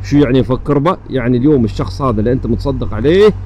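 A man's voice: medium pitch, very fast. A man with an Emirati Gulf Arabic accent talking casually and earnestly about faith as he rides, repeating phrases for emphasis. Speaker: motovlogger. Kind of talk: casual religious reflection while riding. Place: outdoors on a motorbike in traffic. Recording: steady vehicle and traffic noise.

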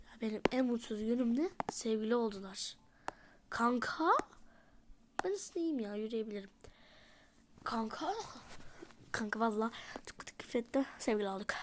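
Woman in whispered role-play, fairly high. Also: noisy background. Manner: switches between character voices, often in a soft whisper. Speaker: YouTuber voicing dolls in a life-sim game.

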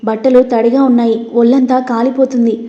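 A woman voicing a worried, gentle housemaid. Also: fairly high pitch, little pitch movement, brisk, echoey room, dull audio, close to an everyday voice. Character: caring middle-aged housemaid.

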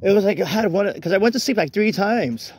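This walk-and-talk vlog has a young man rambling into his phone outdoors on a rainy night, full of restarts and self-corrections. He sits high in pitch with lively intonation, talking a little fast in a slightly rough voice with no room sound.

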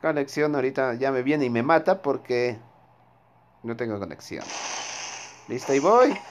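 A man's voice: mid-range voice, lively intonation, moderate pace. A man giving casual, rambling commentary to his viewers while he plays a game. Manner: chatty, rambling, talks to viewers while playing. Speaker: gaming streamer.

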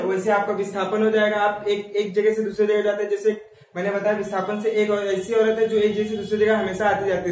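Recorded on a distant mic in a very echoey room, with faint ambient noise and his voice off mic, a high-voiced male teacher leads an exam-prep lesson on memory tricks. He poses questions, answers them himself, and keeps repeating key words.

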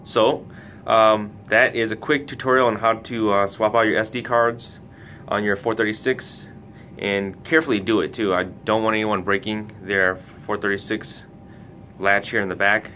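A man working as a retailer's tutorial host demonstrates a product casually and hands-on, carefully taking viewers through each step. His tone is steady and sharp at normal speed, and noticeable background noise with a low rumble is present.

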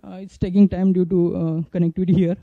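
At a conference on an indoor stage, a man in his thirties with an Indian accent gives an informal flash talk with a live app demo, speaking haltingly and hesitantly into a handheld microphone. His high-pitched voice shows little pitch movement. The recording is dull and muffled, with no room sound.

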